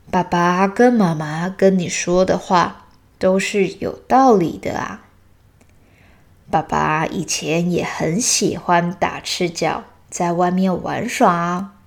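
A woman voicing a playful father bear who tells his cub a childhood story, in a slow, calm manner. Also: on the low side, vocal fry.

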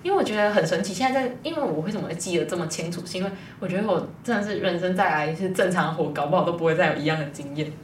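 Low-voiced fast-talking young woman. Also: slight background noise. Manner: rambling, lively retelling with quoted dialogue. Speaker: guest. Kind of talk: casual storytelling in an interview. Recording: distant mic, roomy echo.

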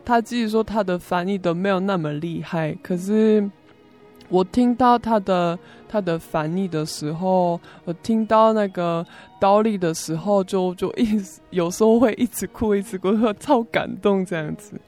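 A young Korean woman shares a personal story in conversation, speaking Mandarin as a foreigner with a Korean accent. Her phrasing is simple and halting, with words often repeated, and her pitch sits at an average height. Music plays behind her. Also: a little mellow. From South Korea. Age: young adult. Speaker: interview guest, student.

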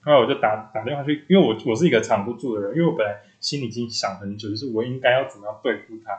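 A man's voice: mid-range voice, very fast, muffled recording. A man, co-hosting a podcast, telling a personal story in casual chat and acting out the quoted dialogue. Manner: animated storyteller who acts out quoted dialogue. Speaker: podcast co-host. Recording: echoey room.

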